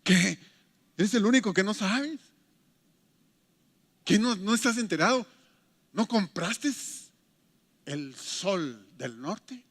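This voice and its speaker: A preacher voicing grieving, complaining disciples, a wailing, incredulous manner. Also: male voice, sits high, lively intonation, takes it slowly, pauses often, fairly bright tone, full character voice.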